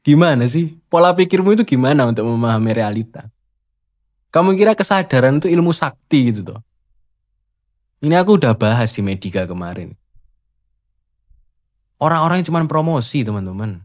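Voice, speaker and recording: A man's voice: medium pitch, lively intonation, a little fast, pauses often, darkish tone. A man hosting a casual spiritual monologue, teasing and rhetorical as he challenges the listener. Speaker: host.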